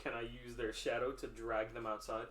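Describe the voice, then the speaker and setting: A man's voice: medium pitch, flat delivery, moderate pace, fairly bright tone. A man playing in a tabletop game, describing actions hesitantly with lots of fillers, in a roomy recording. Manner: hesitant, lots of likes and ums. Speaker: player. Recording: roomy with faint noise.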